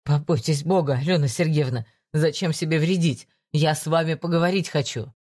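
A woman voicing a calm male police investigator who talks low, steady and coaxing in an audiobook. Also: a little fast. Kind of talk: audiobook reading.

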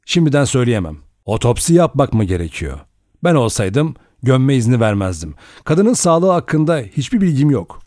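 A man voicing a calm, measured middle-aged doctor with a dry manner. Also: mid-range voice, dry recording, lightly acted. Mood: cautious.

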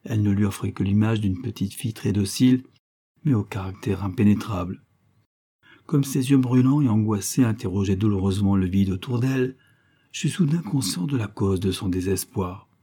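A man reading a classic novel aloud as scripted literary narration, measured and expressive. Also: fairly low pitch, husky. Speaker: audiobook reader.

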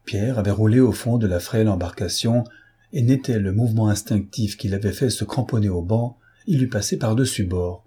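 A man reading a classic novel aloud in steady, measured audiobook narration. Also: lowish voice, breathy edge. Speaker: audiobook reader. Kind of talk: scripted narration.

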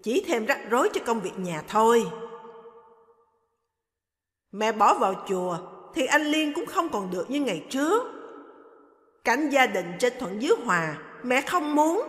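Earnest grown son done by a woman, lowered measured tone, lively inflection, long reverb. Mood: pleading. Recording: echoey hall reverb.

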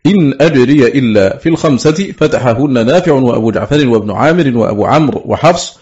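Man, formal scholarly reading, precise, slows on quoted words, dull lo-fi sound. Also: medium pitch, lively intonation, darkish tone. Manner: measured and precise, slowing to recite quoted words. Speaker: reader of a classical text. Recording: dull lo-fi recording.

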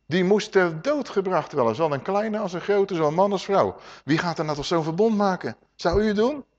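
A middle-aged man preaching a lively Bible teaching, asking the congregation questions and acting out voices. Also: high-pitched, brisk. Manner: animated, rhetorical questions to the congregation, acts out voices. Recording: dull lo-fi sermon recording.

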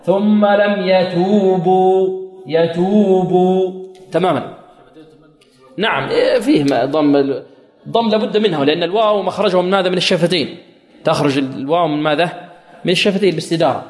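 A man teaching Quran recitation rules, quizzing his students with questions and chanting verses slowly to demonstrate. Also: fairly high pitch. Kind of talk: tajweed lesson with chanted recitation. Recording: echoey hall.

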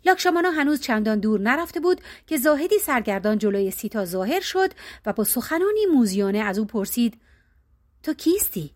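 Higher-pitched woman reading a folk tale. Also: sing-song, darkish tone. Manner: measured, colloquial. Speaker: audiobook narrator. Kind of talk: storybook narration.

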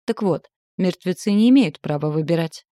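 A woman's voice: fairly low pitch, moderate pace, no echo, clean studio sound, natural voice. A woman reading a novel aloud and voicing a cold, threatening man who holds the heroine captive. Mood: cold menace. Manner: calm, sneering and threatening. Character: cold, menacing man, the captor's brother.

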